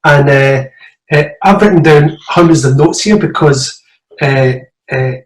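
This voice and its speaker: An audience member from Scotland, speaking with a Glaswegian accent, asks a question over a video call in a casual, hesitant way, full of fillers. His voice is on the high side and a little slow, and the recording is reverberant and rough.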